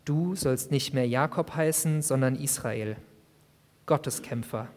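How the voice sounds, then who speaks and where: A preacher voicing a calm divine stranger. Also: mid-range voice, pitched below the performer's own voice, lightly acted. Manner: calm, quiet, measured. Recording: long hall reverb.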